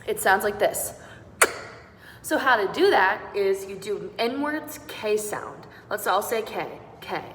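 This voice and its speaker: A young woman teaches beatboxing in a bright, encouraging way and talks students through every sound. Her voice rings in a roomy space with a long reverb tail. Faint background noise hums under it. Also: medium pitch, expressive, a little slow. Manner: upbeat, encouraging, demonstrates sounds step by step. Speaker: singing teacher. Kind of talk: online beatboxing lesson.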